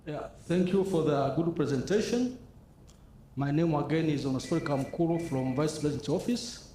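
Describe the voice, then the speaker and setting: A man's voice: on the high side, normal speed, dark tone, slight background noise. A man from a government office earnestly asking a question at a conference. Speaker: audience member asking a question. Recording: echoey conference hall.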